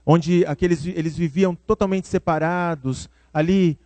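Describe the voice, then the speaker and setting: A man preaching a sermon with a Brazilian Portuguese accent, talking to the congregation like a friend and calling some of them by name. His voice sits a little high for a man, and the recording is dry and close. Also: fairly even intonation, measured pace, mellow, dry recording. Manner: conversational, addresses listeners by name, acts out quoted voices.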